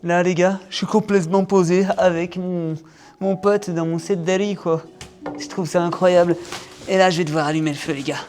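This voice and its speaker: Out in a city and on the road in a vehicle, a man vlogs his travels, chatty and hesitant, peppering his talk with fillers and addressing viewers as "les gars." He has a high, slightly mellow voice with fairly even intonation at a normal speed, while faint music plays behind him in the noisy outdoor audio.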